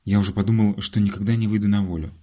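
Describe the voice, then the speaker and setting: A man's voice: lowish voice, fairly even intonation, rapid-fire, dark tone, close to an everyday voice. A man voicing a pompous, self-important man who tells his tale theatrically in an audiobook. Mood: dramatic.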